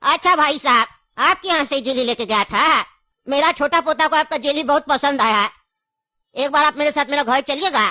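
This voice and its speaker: A woman's voice: high voice, moderate pace, bright, forceful tone, dry recording, studio quality. A woman doing a crafty old cartoon grandpa. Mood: coaxing. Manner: insistent, coaxing, storytelling. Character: elderly grandfather, cunning, grieving his grandson. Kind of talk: cartoon voice acting.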